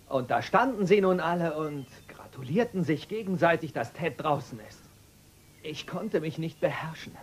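A man's voice: a little high, a little hiss or hum, close to an everyday voice. An actor dubbing a young man who is bitter and defiant toward his family in a soap opera. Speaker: grown son. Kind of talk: German-dubbed soap opera acting.

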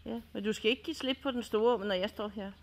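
A woman's voice: fairly high pitch, a little hiss or hum. A woman at a horse farm giving a man blunt, bossy instructions about leading the horses. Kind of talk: casual chat.

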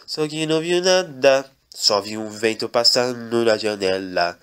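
A man's voice: medium pitch, measured pace, fairly bright tone, clear, resonant tone. Man narrating an absurd parody tale. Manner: mock-dramatic, repetitive storytelling. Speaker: comic storyteller.

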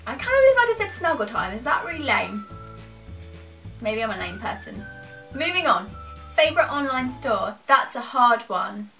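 Her voice is on the high side, pushed and bright, and the mic sits far away. Speaking to camera in a small furnished room at home, this British woman in her twenties answers questions casually, rambling and poking fun at herself.

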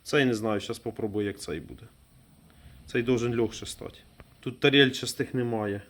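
A man's voice: medium pitch, normal speed, a bit bright. Man thinking aloud at the workbench. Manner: thinks aloud while working, trailing off and restarting; talks to viewers as friends. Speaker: DIY mechanic vlogger. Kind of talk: casual hands-on repair commentary.

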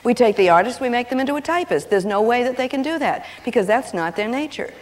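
A woman giving a lively teaching talk, telling stories and acting out what people say in changing voices. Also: a little high, quick pace. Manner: animated, acts out quotes in changing voices. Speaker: seminar speaker on personality and marriage. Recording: long hall reverb on an old videotape.

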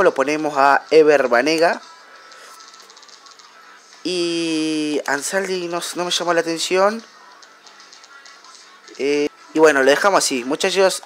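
A young Argentine man commentating his own football video game match like a fan, cheering and shouting at big plays. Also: on the high side. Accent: Argentine Spanish. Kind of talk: excited play-by-play game commentary.

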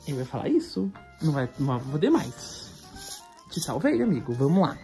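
Low-voiced woman cooing baby talk. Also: very animated, brisk, dark tone. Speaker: mother filming her baby twins. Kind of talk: casual home video chat. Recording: clear background music.

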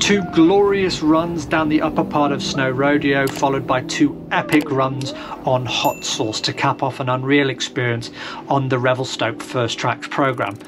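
A man's voice: medium pitch, steady tone, measured pace, background noise. A man narrating his own vlog as a voice-over, upbeat and enthusiastic as he recommends things. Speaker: vlogger.

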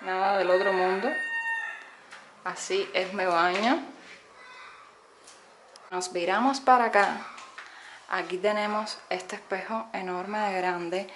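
A woman's voice: medium pitch, fairly bright tone, a little hiss or hum. A young woman from Cuba with a Cuban Spanish accent, casually narrating a tour of her home to her viewers, talking from behind a handheld phone with many "eh" fillers. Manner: chatty, many "eh" fillers, addresses viewers directly. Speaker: vlogger giving a house tour. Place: small home, indoors. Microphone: handheld phone camera, speaking from behind it.

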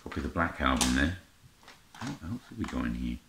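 A middle-aged man with a bass voice chats brisk and sing-song to the camera, showing off a music haul in an unscripted vlog, muttering asides and exclaiming as he browses. He's in an indoor room lined with record shelves. The audio has a roomy echo, faint noise, and clicking handling sounds.

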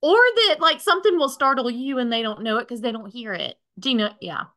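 Female, 30s, slightly high-pitched, casual class participant on a video call. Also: animated, a little fast, sharp tone. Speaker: class participant asking questions. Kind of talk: casual chat. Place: room at home, video call. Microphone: computer video-call mic.

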